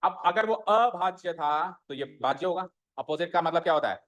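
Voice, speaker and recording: A man's voice: on the high side, expressive, moderate pace, a bit bright. A male maths teacher giving a classroom lesson, asking the students questions and repeating their answers back to them, with English maths terms mixed into his talk.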